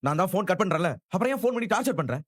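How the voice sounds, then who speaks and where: A man's voice: high voice, lively intonation, very fast, a bit bright, no room sound, studio quality. An actor playing a hot-tempered young man who snaps at his girlfriend on the phone with sarcastic, dismissive anger. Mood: angry. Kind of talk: TV serial acting.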